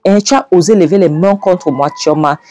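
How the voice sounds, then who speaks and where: A man voicing a furious, scheming middle-aged mother-in-law in a spoken movie recap, with a shrill, indignant delivery. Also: expressive, moderate pace, warm tone. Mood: outraged.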